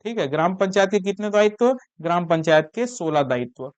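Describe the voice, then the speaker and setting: A high-pitched young man leads an exam-prep lesson. A lingering cough is in his voice, and he drills key facts through repetition. The sound is smooth and clear, recorded close and dry. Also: animated, fairly quick, no echo. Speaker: exam coaching teacher.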